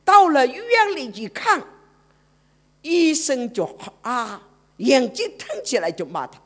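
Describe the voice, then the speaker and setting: Woman preacher, lively storytelling sermon with a very animated pitch. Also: a little slow. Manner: dramatic, swings from loud to hushed.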